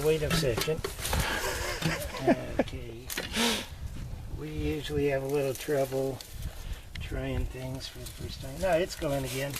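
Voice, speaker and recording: An older man giving a casual do-it-yourself demonstration inside a small greenhouse, talking in an unhurried, folksy way full of fillers. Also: medium pitch. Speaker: homesteader showing his build. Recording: noisy camera audio.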